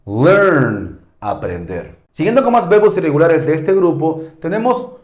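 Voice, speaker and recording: A man gives a language lesson at an unhurried pace, saying each word form slowly and with deliberate stress. His pitch swings widely as he goes. The recording has a noticeable echo from the room. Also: very animated, darkish tone. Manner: slow, deliberate, repeats each verb form with falling stress. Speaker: English teacher.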